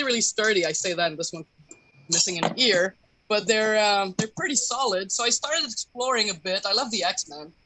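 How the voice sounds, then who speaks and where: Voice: medium pitch, sharp tone, no room sound, rough recording. A person from Quebec giving a casual, hesitant live tour of a home workshop, speaking informally as a hobby sculptor. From Quebec, Canada. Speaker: hobby sculptor streamer showing work. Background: bubbling aquarium water, passing truck.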